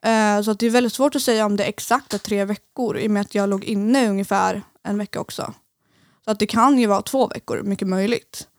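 A woman's voice: mid-range voice, fairly even intonation, dry recording. A young woman guest on a podcast, telling a personal story in hesitant casual conversation with many fillers.

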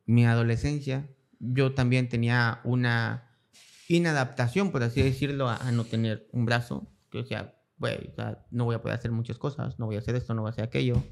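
A man's voice: mid-range voice, gravelly, darkish tone. A young adult man with a Mexican Spanish accent, a guest speaking in a casual interview who tells his story and acts out the voices of people in it. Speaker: guest, cancer survivor.

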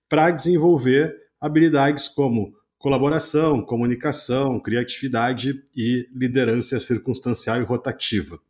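A man with a Brazilian Portuguese accent speaking as a podcast guest in a conversational, methodical, explanatory way. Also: medium pitch. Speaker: podcast guest, games education entrepreneur.

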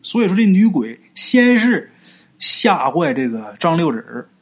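A man's voice: fairly high pitch, big pitch swings, breathy edge. A man narrating a serialized ghost story in a chatty way, asking and answering his own questions and stretching out particles at the ends of phrases. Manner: frequent drawn-out particles like 啊 and 呀.

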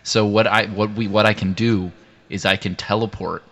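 A man playing a tabletop game, chatting casually and jokingly, excitable and prone to swearing and interjecting. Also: fairly low pitch, moderate pace.

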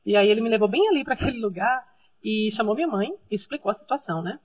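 A woman's voice: medium pitch, expressive, quick pace. Woman telling a devotional story. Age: 30s. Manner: conversational, frequent tag questions. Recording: slightly muffled recording.

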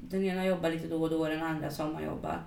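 A middle-aged woman rambles in a relaxed podcast chat, full of little fillers. Her voice sits fairly low. She sounds a bit away from the mic, in a room with an echo. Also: gravelly, far from the mic. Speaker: podcast co-host. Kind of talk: casual chat.

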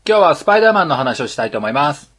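A man's voice: on the high side, very animated, rapid-fire, fairly bright tone, breathy edge, soft background music. A man from rural Tohoku co-hosting a podcast in casual chat, playful and self-deprecating. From rural Tohoku, Japan. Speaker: podcast co-host.

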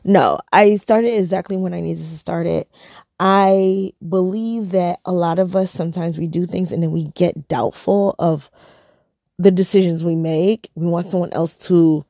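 A woman's voice: on the low side, fairly even intonation, unhurried, creaky, mellow, dry recording, studio quality. A woman in her thirties chatting casually to camera, rambling and repeating herself, tired and yawning. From United States. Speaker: vlogger.

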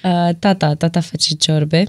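A woman from Romania, a guest in a casual podcast chat, speaking hesitantly with many pauses and fillers. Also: sits low, fairly even intonation, darkish tone, no echo, clean studio sound.

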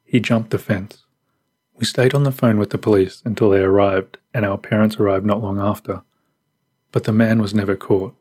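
Give me a low-voiced man narrating creepy stories in a suspenseful way. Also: steady tone, a little mellow, husky. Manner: measured, suspenseful. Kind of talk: scripted horror story narration.

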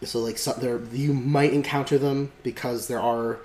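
A man's voice: medium pitch, fairly even intonation, moderate pace, darkish tone. A man hosting a podcast in casual chat, rambling with lots of fillers and restarts. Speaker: podcast host. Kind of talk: casual chat about a tabletop game. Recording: echoey room with faint noise.

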